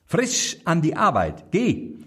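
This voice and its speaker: A man's voice: fairly high pitch, wildly swooping pitch, slow pace, a bit bright, slightly rough, pitched above the performer's own voice, full character voice. Man doing a bossy vengeful soldier. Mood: commanding. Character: bitter discharged soldier, commanding and vengeful.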